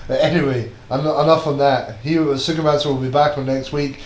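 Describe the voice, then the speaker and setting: Brief: male fighting game co-host from Scotland, mid pitch, laid-back banter, roomy room echo. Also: a little hiss or hum. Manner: relaxed, swears casually, quick banter. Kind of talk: casual commentary chat.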